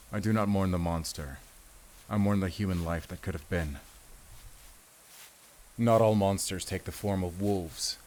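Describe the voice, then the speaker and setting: In an audio roleplay, a male actor voices a battle-weary, protective werewolf hunter, addressing the listener in a grave, deliberate, commanding way. His voice sits low, the mood is solemn, and there's slight background noise.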